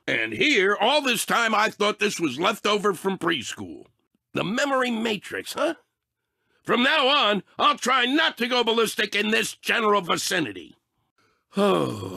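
A man voicing Anger, a short-fused, sarcastic cartoon emotion in a video game, with a raspy, blustering, exasperated delivery. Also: sits high, sharp tone, no room sound, clean studio sound, exaggerated voice. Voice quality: raspy, gravelly, tense. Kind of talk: animated video game character acting.

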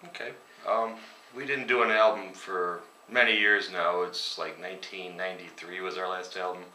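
Sitting at a table in his home dining room, a man in his forties who sings in a metal band gives relaxed, rambling interview answers full of ums, laughing softly at dark anecdotes. His low voice is bright and forceful, steady in tone and moderate in pace, heard somewhat distantly in an echoey room with slight background noise.

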